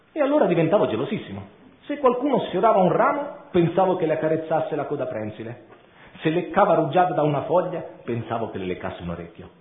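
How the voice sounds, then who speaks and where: A man voicing a cynical, worldly-wise old male chameleon father who lectures his son. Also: a little high. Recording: tinny echoey room.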